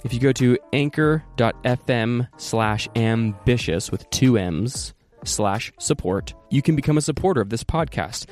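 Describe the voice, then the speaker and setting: A man hosting a podcast, talking in a relaxed, laid-back way during a casual interview. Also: mid-range voice. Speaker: podcast host.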